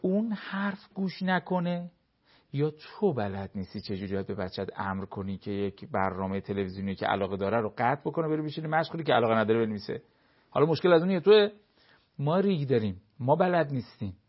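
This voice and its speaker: A man's voice: medium pitch, lively intonation, breathy edge, highs cut off. A man giving advice on a talk show, explaining his points with everyday examples and short acted-out dialogues.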